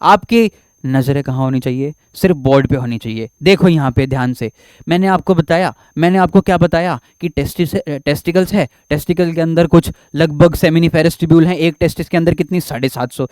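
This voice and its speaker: A man's voice: fairly high pitch, brisk, a little mellow, no echo. A man teaching a biology lecture at a board, who repeats his own questions, answers them, and keeps reassuring his students.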